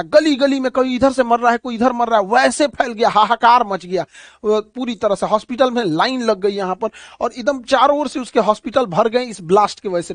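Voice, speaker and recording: A man with a Bihari accent delivers an explanatory current affairs lecture like a teacher, speaking emphatically, repeating key phrases, and posing questions that he answers himself. His voice is extremely high-pitched, and the recording is dry.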